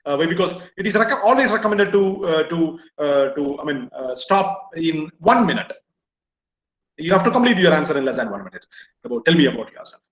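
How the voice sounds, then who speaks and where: A man with an Indian English accent, lecturing engineering students on job interviews. He repeats his points and keeps asking "right?". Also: high-pitched. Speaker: placement trainer. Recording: echoey, dull lo-fi room sound.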